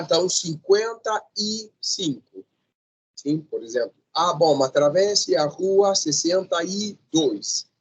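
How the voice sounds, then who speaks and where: A man teaching a Portuguese class, correcting students' mistakes slowly and deliberately and checking in with a frequent "sim?". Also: a little high, breathy edge. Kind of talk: classroom lecture.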